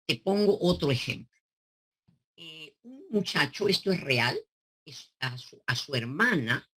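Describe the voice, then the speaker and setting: Woman therapist, animated delivery, bright, a bit husky, lots of rhetorical questions. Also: deep voice. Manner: animated, teaching through examples and rhetorical questions. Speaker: psychoanalyst. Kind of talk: explaining to a caller on a talk show.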